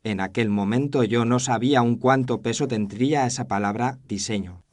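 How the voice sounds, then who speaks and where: A man with a mid-range voice narrates at a moderate pace, sounding close to everyday speech. Playing a thoughtful doctor telling his memoir in an audio drama, he recounts a case reflectively and with literary flair in scripted narration.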